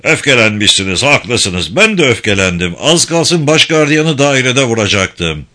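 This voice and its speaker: A man's voice: medium pitch, sing-song, unhurried, pushed and bright. A man voicing a hot-tempered male prison director who blusters and threatens. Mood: pleading.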